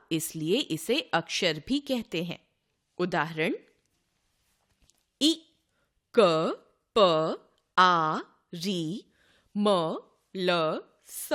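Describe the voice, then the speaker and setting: A woman teacher reads a grammar lesson at a very slow, deliberate pace. She says each letter and example word on its own with a pause after it. Her pitch is lively and moves a lot. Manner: reads lists of letters and words one by one, pausing.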